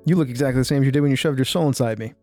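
Dude playing a tabletop rpg, talks fast, jokey, some faint music in the back. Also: male voice, medium pitch, mellow. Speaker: player. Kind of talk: tabletop role-play in character.

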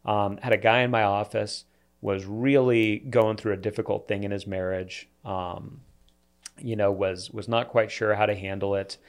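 A man's voice: on the low side, fairly even intonation, normal speed, clear, resonant tone. A man, a pastor, talking in an earnest, reflective way in a casual church podcast discussion, often restarting his sentences.

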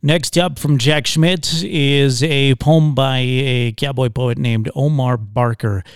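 A man's voice: medium pitch, steady tone, slow pace, smooth, dry recording. Dry-sounding man hosting a podcast. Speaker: podcast host. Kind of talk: podcast introduction, informal presenting.

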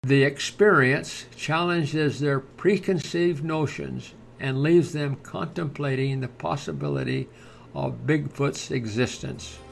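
A man reading scripted podcast narration in a measured, formal manner, like a nature documentary narrator. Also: mid-range voice, sing-song, creaky, a little hiss or hum. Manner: measured, formal read-aloud delivery.

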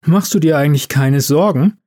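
A man voicing a nervous, scheming young female elf who talks in an excitable, conspiratorial way. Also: on the high side, moderate pace, natural voice. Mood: worried.

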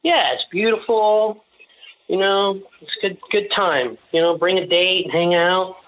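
A male podcast guest talks casually in a halting, rambling, joking way. The recording is narrow and lo-fi, like a phone. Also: sits high. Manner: jokey, rambling, halting delivery. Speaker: podcast guest, small-business owner. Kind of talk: casual interview chat. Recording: slightly dull, lo-fi sound.

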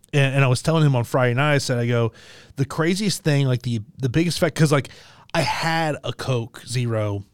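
A man in his forties co-hosting a podcast, chatting in a chummy, animated way and often repeating himself. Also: mid-range voice, dry recording, clean studio sound. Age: 40s. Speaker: podcast co-host. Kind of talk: casual sports chat.

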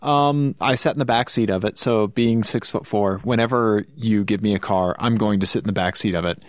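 A man's voice: on the low side, fairly quick, dry recording. Man with a Missouri twang, dry sound. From Missouri, United States. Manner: rambling, joking. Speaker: car review podcast host. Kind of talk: casual car review chat.

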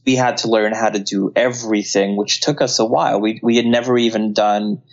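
A man's voice: fairly low pitch, flat delivery, fairly quick, vocal fry, muffled recording. A man from Colombia, a filmmaker guest in an interview, talking earnestly and often restarting his sentences. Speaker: guest, CGI artist and filmmaker. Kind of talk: casual interview talk.

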